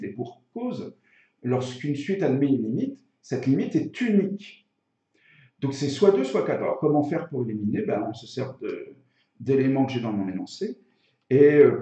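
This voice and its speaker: A man's voice: medium pitch, dark tone. A man teaching maths step by step in a hesitant way, thinking aloud and correcting himself as he goes. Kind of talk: spoken maths tutorial, explaining step by step. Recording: echoey room, slightly dull sound.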